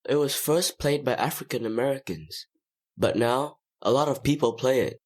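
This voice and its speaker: A friendly American schoolboy from a textbook audio dialogue. The voice sits very low and deep. He answers in plain, simple sentences. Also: normal speed, a little mellow. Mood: matter-of-fact. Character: friendly American schoolboy telling about his banjo.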